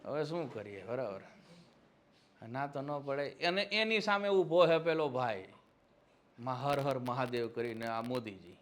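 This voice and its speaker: A man's voice: medium pitch, unhurried, fairly bright tone. A man giving a classroom lecture as an exam-prep history teacher, with teasing, mocking satirical asides, who keeps checking that his listeners agree.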